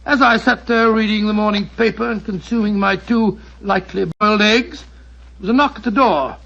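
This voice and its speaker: An actor playing a genial older male doctor who tells the story, with an avuncular manner and a gravelly voice, in 1940s radio acting. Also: sits high, steady tone, normal speed, bright, forceful tone, full character voice. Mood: narrating. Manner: avuncular, blustering when annoyed. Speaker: narrator. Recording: muffled old radio broadcast.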